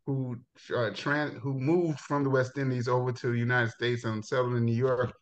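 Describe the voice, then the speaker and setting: In a laid-back interview, a middle-aged high school football coach from Jamaica recounts his life, with laughter and false starts throughout. He talks at a moderate pace, captured on a dull lo-fi recording.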